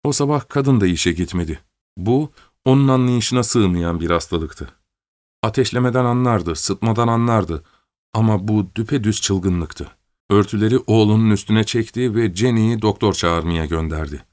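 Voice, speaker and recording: A man narrating a story aloud in a measured, steady reading voice. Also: fairly low pitch, dry recording. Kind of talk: scripted audiobook narration.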